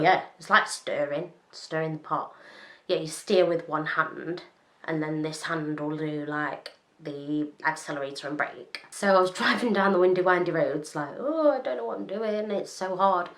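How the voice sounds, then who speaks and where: A woman's voice: sits low, moderate pace, a bit bright. A young woman telling a story in a chatty, rambling vlog, full of "like" and restarts. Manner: rambling, self-interrupting, with frequent "like" and laughter. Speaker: vlogger. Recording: roomy echo.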